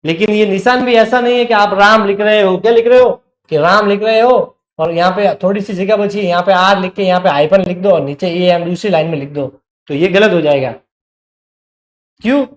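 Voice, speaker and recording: High-voiced man teaching in an echoey room. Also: fairly quick. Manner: explains step by step, checks with the class. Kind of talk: online classroom lecture.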